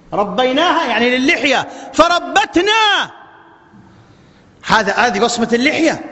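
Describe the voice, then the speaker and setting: Impassioned Iraqi preacher, high bright voice. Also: male voice. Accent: Iraqi Arabic. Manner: impassioned, swings between soft pleading and loud exhortation. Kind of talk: sermon. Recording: lo-fi archive recording with long hall reverb.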